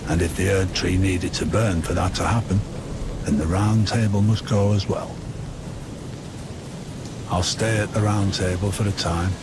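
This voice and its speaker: Pompous know-it-all keeper of secrets from a dark fantasy game, low measured theatrical male voice, loud moody music and rain behind it. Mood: resigned, resolute. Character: scholarly, self-important male keeper of secret knowledge. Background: loud ambient music, rain, thunder.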